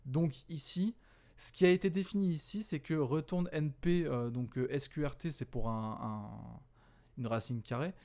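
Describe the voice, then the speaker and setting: A man walking through an exam answer key in a casual, conversational way, often correcting himself and filling pauses, tired from working late at night. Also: medium pitch, a little mellow. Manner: conversational, many fillers and self-corrections. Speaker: physics teacher.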